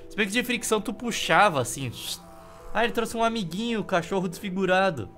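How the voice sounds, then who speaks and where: A man's voice: sits high, lively intonation, fairly quick, a bit bright. A Brazilian man casually commentating a video game as he plays, with wry, offhand humour. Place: indoor room. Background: game music.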